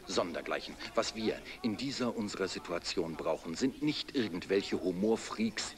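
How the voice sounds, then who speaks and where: An actor playing a pompous, disapproving middle-aged conservative commentator in a TV satire, speaking in rhetorical phrases. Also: male voice, low voice. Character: pompous conservative male commentator railing against silly pranks.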